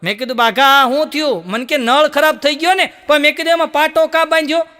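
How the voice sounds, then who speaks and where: A man with an extremely high, bright and forceful voice talks a little fast. As a stand-up comedian in a Gujarati joke-telling show, he performs the lines of each character and laughs between punchlines, with long reverb from the hall.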